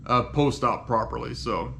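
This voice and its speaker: A man recording a casual video diary while in pain and on painkillers after surgery, congested with a head cold, speaking haltingly and trailing off. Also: medium pitch, gravelly, fairly bright tone, a little hiss or hum. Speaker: patient giving a recovery update.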